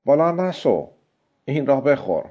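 A man reading a storybook voicing a young fisher boy who is grieving, tender and soft-spoken. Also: medium pitch, very animated, dull audio, voice pushed up.

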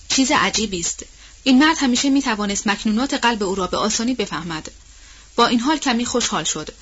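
A woman narrating a novel in a steady, measured storytelling voice, on a dull, muffled recording. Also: medium pitch, husky. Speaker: audiobook narrator.

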